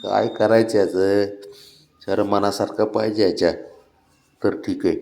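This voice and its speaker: A man's voice: fairly low pitch, steady tone, unhurried, vocal fry, mellow, reverberant. A man who coaxes his sulking pet in affectionate baby talk, with chuckles between lines. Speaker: pet owner coaxing his cat. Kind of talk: casual pet vlog talk.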